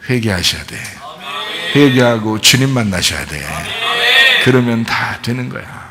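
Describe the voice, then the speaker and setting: A male pastor preaching a sermon in a conversational style, acting out quoted words gently and rising to loud emphatic outbursts. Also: medium pitch, animated, measured pace, a crowd in the background.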